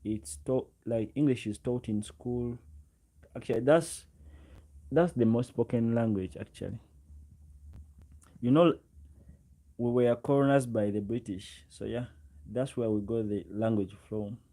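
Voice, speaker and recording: A Ugandan-accented man in his twenties chats casually on a livestream, reading and replying to comments and speaking straight to viewers, often repeating his phrases. His mid-range voice has a dark tone, unhurried with long pauses.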